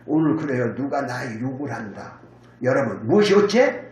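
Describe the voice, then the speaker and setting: A male pastor delivers a sermon in an echoey church sanctuary, his medium-pitched voice sing-song and a little mellow at a moderate pace. He brings the story to life, performs the quoted lines and prompts the congregation to respond.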